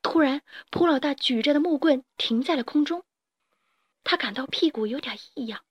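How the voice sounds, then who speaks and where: A woman storyteller reading a children's story with lively, expressive narration. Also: high-pitched, moderate pace, no room sound, lo-fi sound.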